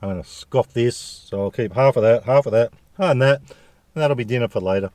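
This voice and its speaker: A man's voice: mid-range voice, normal speed, darkish tone, no room sound. A man with an Australian accent chatting casually to viewers as a food review vlogger, jokey and full of slang.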